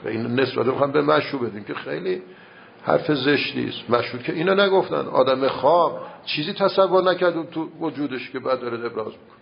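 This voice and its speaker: A man at middle pitch teaching a seminary class, arguing his point with rhetorical questions and patient explanation. The recording sounds dull and lo-fi. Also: vocal fry, a little hiss or hum. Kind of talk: classroom debate on grammar and logic.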